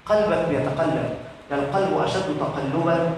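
A man's voice: fairly high pitch, brisk, a little mellow, slight background noise. A man with an Egyptian accent giving an emphatic religious lesson, putting questions to his listeners and answering them himself. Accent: Egyptian Arabic. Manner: emphatic, with a colloquial preaching delivery. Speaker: religious teacher. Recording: echoey hall from far off.

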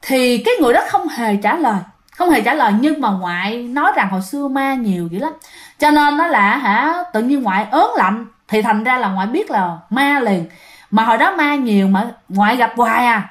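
Woman ghost-story narrator, higher voice, lively. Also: moderate pace. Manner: animated, addresses listeners directly.

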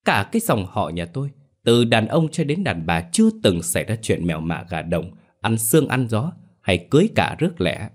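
A man's voice: on the low side, very animated, normal speed. A man playing an indignant old clan elder. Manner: indignant, lecturing. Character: proud older male clan elder, quick to anger.

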